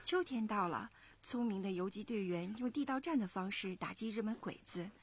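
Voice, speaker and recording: A woman in her thirties, a mother, narrating a children's story in an expressive, measured way. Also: mid-range voice, slightly rough. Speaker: parent storyteller.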